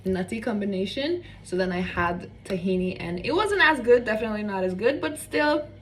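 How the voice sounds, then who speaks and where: Brisk and animated, this mid-range voice belongs to a young woman from Norway who vlogs about cooking, rambling through side topics as she cooks at home. Faint room noise comes through a slightly distant microphone.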